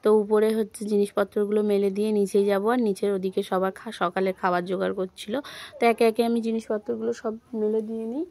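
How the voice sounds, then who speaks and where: A woman's voice: medium pitch, flat delivery, fast, gravelly, dark tone. A young woman, narrating her family's day in a homely, chatty vlog and talking straight to her viewers. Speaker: family vlogger.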